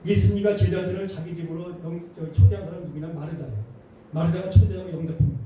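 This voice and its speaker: A male pastor preaching an animated, emphatic sermon with colloquial humor in a church. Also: sits high, fast talker. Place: church sanctuary. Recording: echoey hall, distant mic, faint noise.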